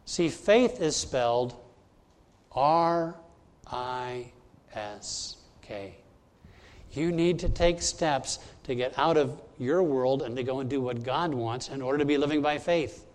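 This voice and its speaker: Speaking at a moderate pace with few pauses, a man with a mid-range, slightly mellow voice preaches as a pastor during a church service. He teaches point by point, emphatic and addressing the congregation directly.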